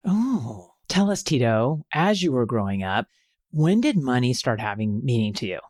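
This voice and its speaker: Podcast co-host, dry close sound. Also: male voice, medium pitch, very animated, no room sound. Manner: warm, curious questioner, quick follow-ups. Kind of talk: casual podcast hosting.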